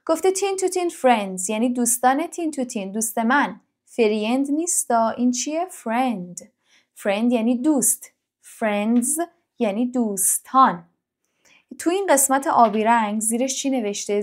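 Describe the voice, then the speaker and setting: A young adult woman teaching an English lesson to teenagers, speaking directly and encouragingly to the learner and repeating words slowly to drill them. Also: a little high. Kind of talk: online English lesson for teens.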